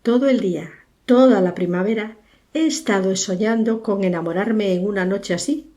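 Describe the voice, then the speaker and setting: A woman voicing a young, romantic Russian aristocrat in an audiobook, speaking softly and earnestly. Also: medium pitch, moderate pace, lightly acted.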